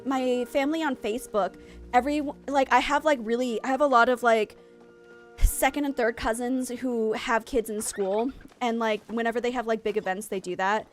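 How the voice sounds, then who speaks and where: Chatty high-voiced woman streamer. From Maine, USA. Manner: chatty and rambling, laughs often, talks to chat. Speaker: game streamer. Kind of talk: casual chat while streaming a game.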